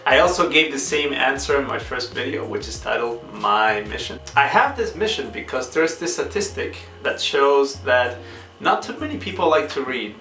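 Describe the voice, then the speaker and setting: A young Peruvian man hosting a book channel answers questions one by one in a casual vlog, his mid-range voice animated, pushed, and bright. He is earnest and measured, occasionally searching for a word. The room echoes, the mic is distant, and faint guitar music plays.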